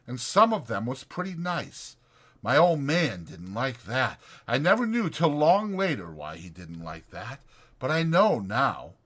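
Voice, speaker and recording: In a dramatized audiobook, a man voices a lonely, bitter stable hand who needles and taunts, using an unhurried, medium-pitched voice set above his own natural pitch. The character's talk is folksy and insistent, and he gets drawn into excited speeches.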